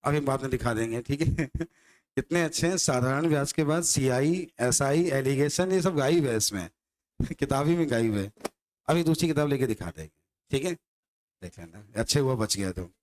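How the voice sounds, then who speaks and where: A man's voice: mid-range voice, animated, normal speed, a little mellow. A male maths teacher lecturing a class, teasing his students and firing rhetorical questions at them.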